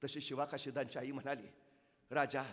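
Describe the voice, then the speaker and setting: A man's voice: a little high, animated, normal speed, sharp tone, big-room sound. A man giving an impassioned public speech full of dramatic storytelling. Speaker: public speaker. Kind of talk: oration.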